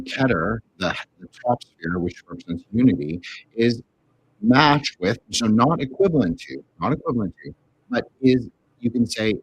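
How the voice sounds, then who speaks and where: A man's voice: on the low side, slightly rough. A man on a video call whose faulty mic makes him sound muffled, as if through a wall. He talks in a hesitant way, correcting himself and apologizing. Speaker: co-host. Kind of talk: casual video call discussion.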